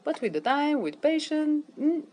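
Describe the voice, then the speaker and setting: A woman from Bulgaria, speaking English in a lively way with simple phrasing. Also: sits high, moderate pace, a little hiss or hum. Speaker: expat interviewee. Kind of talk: casual talk to camera.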